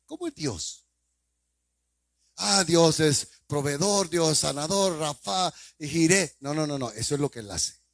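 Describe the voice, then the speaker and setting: A male pastor with a Salvadoran accent preaching a sermon, firing repeated rhetorical questions at the congregation with sudden loud bursts. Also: fairly high pitch, a little slow, vocal fry, no echo. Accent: Salvadoran Spanish.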